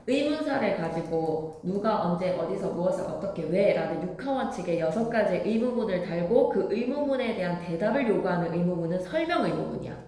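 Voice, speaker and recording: A woman's voice: fairly low pitch, warm tone, roomy sound. A woman teacher giving an emphatic classroom grammar lecture, quizzing her students with questions as she goes.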